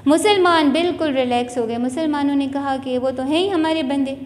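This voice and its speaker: A woman's voice: sits high, brisk. A woman giving an earnest, preachy moral lecture with a Sindhi-region Urdu accent, stressing her key lines. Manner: earnest, preachy, rising emphasis. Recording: long hall reverb.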